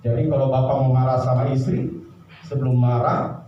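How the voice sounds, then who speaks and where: A male pastor telling a sermon story with lively animation, often addressing listeners as brothers and sisters, heard in an echoey hall from a distance. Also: medium pitch, a little fast, highs cut off, slight background noise.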